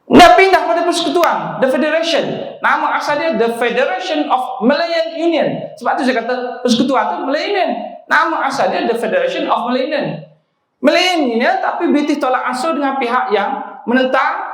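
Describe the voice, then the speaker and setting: A man's voice: very high-pitched, lively intonation, moderate pace, fairly bright tone. A man giving a public lecture with an emphatic, rhetorical delivery, often prompting listeners with a questioning "ha?". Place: prayer hall. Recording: echoey hall recording.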